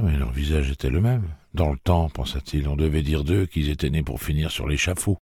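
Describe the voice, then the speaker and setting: Deep gravelly guy reading an audiobook, steady measured storytelling, dry close sound. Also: no room sound. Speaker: audiobook narrator. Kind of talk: audiobook narration.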